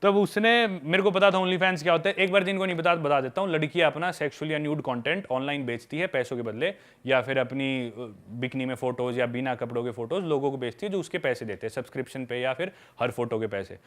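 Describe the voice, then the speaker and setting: A young man who makes travel videos chats as a podcast guest, telling stories from his trips casually and frankly. He's lively, calls the listener "brother," and speaks fairly quickly in a medium-pitched voice with hardly any pauses.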